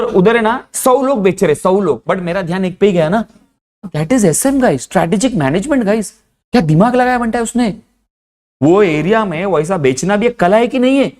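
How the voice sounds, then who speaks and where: A male teacher, lecturing in a lively storytelling style. His voice sits a bit higher than most men's, and he slips English phrases into street-smart banter. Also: normal speed.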